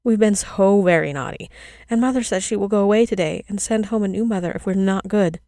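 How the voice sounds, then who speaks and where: A woman's voice: medium pitch, brisk, warm tone, dry recording, studio quality, natural voice. A woman voicing two young children begging eagerly in a storybook reading.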